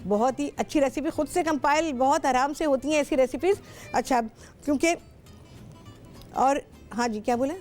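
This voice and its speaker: A woman's voice: high voice, moderate pace, long pauses, darkish tone, faint music behind. A middle-aged woman with a Pakistani Urdu accent, hosting a television cooking show and chatting with callers in a talkative, instructive way. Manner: talkative, instructive, repeats herself often. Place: television studio.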